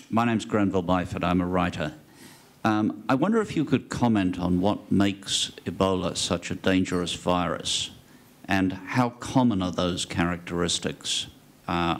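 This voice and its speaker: A man's voice: low-pitched, unhurried. A man asking a polite question from the audience. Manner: polite, apologetic. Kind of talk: question from the floor.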